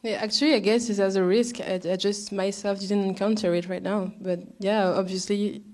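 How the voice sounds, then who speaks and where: Soft-spoken woman with a mellow voice. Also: medium pitch, steady tone, normal speed. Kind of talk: panel discussion.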